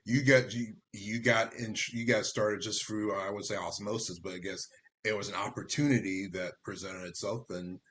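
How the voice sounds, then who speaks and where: A man's voice: lowish voice, steady tone, moderate pace, fairly bright tone, a little hiss or hum. A man hosting an interview, chatty and rambling, with many fillers and restarts. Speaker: interview host. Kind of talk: casual interview over video call.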